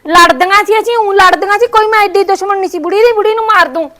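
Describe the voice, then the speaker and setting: A Punjabi woman argues back in a very high voice, defensive and quick to deny blame. She speaks in village short-film acting. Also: bright, forceful tone. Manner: defensive, argumentative.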